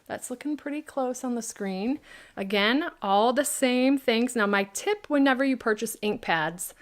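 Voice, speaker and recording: A woman's voice: fairly high pitch, expressive, measured pace. A woman hosting a live craft product demo, chatting and answering viewers' questions by name.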